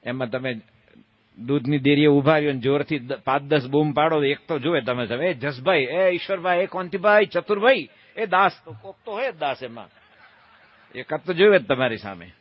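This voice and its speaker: A swami speaks at normal speed in a mid-range voice, delivering a storytelling religious discourse. Playful and folksy, he asks the crowd questions and acts out voices, heard through a muffled recording without room sound.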